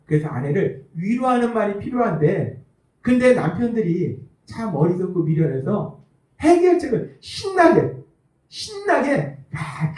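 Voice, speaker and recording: A man's voice: high voice, a little mellow. A man preaching a sermon as pastor, emphatic and repetitive, stressing key phrases and acting out small everyday dialogues. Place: church sanctuary. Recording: echoey church hall, voice from a distance.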